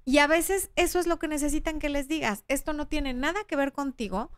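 A woman's voice: high voice, a little fast, no room sound. Frank Mexican woman giving love advice. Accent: Mexican Spanish. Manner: frank, chatty, acts out quoted voices. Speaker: relationship advice host. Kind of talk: casual advice talk reading viewer comments.

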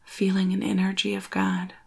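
Guiding a spiritual meditation, a woman speaks in a breathy near-whisper at medium pitch. Her husky voice carries a frequent soft creak, and her intonation barely shifts. Soothingly, she delivers short phrases separated by long pauses.

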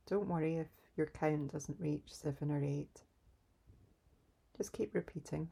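A woman leading a calm guided grounding exercise in a soft, soothing, unhurried way, pausing between instructions. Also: sits low, creaky, slightly rough. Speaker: meditation guide.

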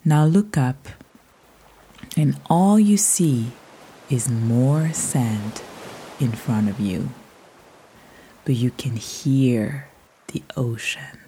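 Meditation guide, female. Very deep, mellow, hushed delivery, unhurried soothing countdown pacing that drifts toward a whisper. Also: slight background noise, low-quality recording. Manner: slow, soothing, hushed, trailing into near-whisper. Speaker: meditation podcast host and guide. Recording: soft music behind the voice. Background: soft music.

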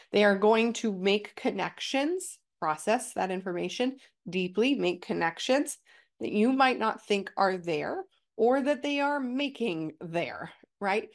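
Stuffy-nosed woman podcast host. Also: mid-range voice. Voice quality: nasal. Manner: emphatic, with frequent "right?" check-ins. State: stuffy from a cold. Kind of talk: casual teaching talk.

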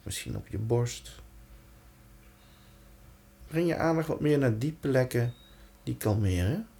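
A man guiding a breathing and body-awareness exercise in a calm, reassuring way, leaving pauses between short instructions. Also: medium pitch, creaky. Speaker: relaxation and breathwork guide.

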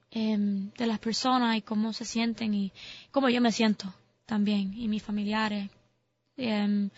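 A young Puerto Rican woman with a fairly high voice talks through her answers in a relaxed way. She hesitates with fillers and slips English phrases into her Spanish. The sound is dry and a little dull. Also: no room sound. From Puerto Rico. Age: young adult. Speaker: content creator guest. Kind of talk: casual interview answers.

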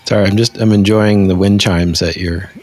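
A man hosting a podcast in a conversational interviewing style, with a husky voice. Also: low-pitched, steady tone, normal speed, darkish tone. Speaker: podcast host.

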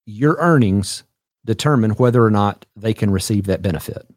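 A man's voice: lowish voice, normal speed, darkish tone, dry recording, clean studio sound. A man hosting a call-in advice show, explaining things to callers in a patient, plain way. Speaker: host.

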